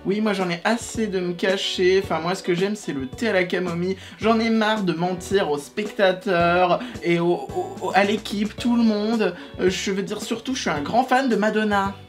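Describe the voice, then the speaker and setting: A man's voice: high voice, steady tone, soft background music. A bashful, tender-hearted male football player talks through a voice changer that hides his real voice, as an actor puts him on. He stumbles and hesitates with plenty of fillers while making a sheepish confession. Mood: confessional. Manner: hesitant, halting, with many fillers. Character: shy, sensitive anonymous male football player. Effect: voice changer disguise. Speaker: anonymous interviewee.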